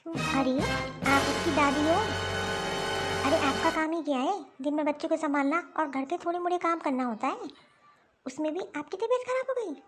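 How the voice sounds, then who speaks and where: A woman's voice: high voice, normal speed, over music, lightly acted. A woman voicing a rude, bossy young working daughter-in-law in a cartoon story. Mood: scolding. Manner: scolding, bossy, dismissive. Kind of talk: Hindi cartoon dialogue.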